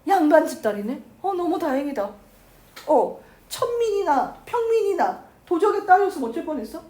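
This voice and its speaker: A woman teacher giving a chatty literature lecture, acting out the characters' lines in quick asides. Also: very high-pitched, sing-song, warm tone. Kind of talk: lively lecture retelling a classic novel.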